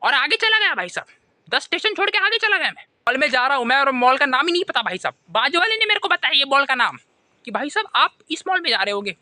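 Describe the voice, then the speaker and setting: Animated young man telling comic stories. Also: extremely high pitch, fast talker, dry recording. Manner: animated storytelling, keeps repeating "bhai sahab". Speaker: comedy vlogger. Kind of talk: stand-up style comic monologue.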